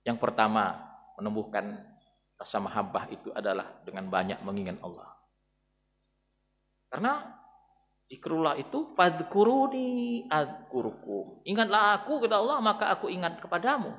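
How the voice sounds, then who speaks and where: A man preaching a dawn sermon to a mosque congregation, swinging between loud exhortation and hushed, tender calls. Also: medium pitch, moderate pace, long pauses, big-room sound. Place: large mosque.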